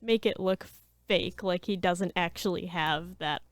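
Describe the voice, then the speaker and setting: A woman's voice: lowish voice, a little slow, no echo. A woman co-hosting a theatre review, talking in an upbeat, fluent way. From United States. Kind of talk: casual review chat.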